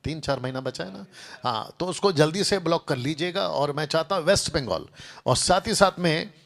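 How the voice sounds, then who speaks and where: A man's voice: a little high, expressive, brisk, gravelly. A male pastor making announcements and starting a sermon, talking to a seated group and to viewers online. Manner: speaks to a seated group and a livestream audience, repetitive lists.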